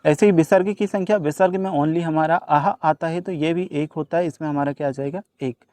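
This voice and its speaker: A man's voice: fairly high pitch, steady tone, brisk, mellow, no room sound. A male teacher working through a workbook solution lesson, addressing children, asking questions and answering them himself, dropping English words and numbers into his speech.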